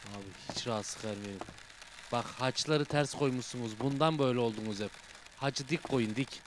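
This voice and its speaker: A young man giving casual, slangy commentary while playing a horror game, bursting into loud shouts and dropping to low mutters. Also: normal speed, background noise. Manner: excitable, swings between loud outbursts and low mutters; casual slangy banter with viewers. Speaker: gaming YouTuber.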